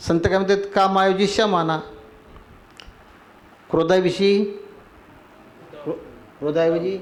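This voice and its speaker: A spiritual teacher gives a devotional sermon, listing terms in rhythmic runs and repeatedly asking listeners if they agree. His voice is high and slow, with fairly even intonation and a little hiss or hum.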